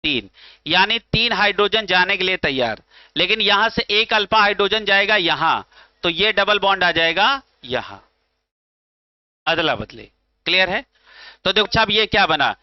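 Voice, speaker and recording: A man with a north Indian accent lectures on chemistry in a high, smooth, resonant voice. He speaks slowly and quizzes his students, then answers his own questions. The recording is dry and a little dull. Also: no echo. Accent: Hindi from north India. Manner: asks students questions and answers them himself; calls students beta and bhaiya. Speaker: chemistry teacher. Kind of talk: classroom lecture. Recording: slightly dull, dry sound.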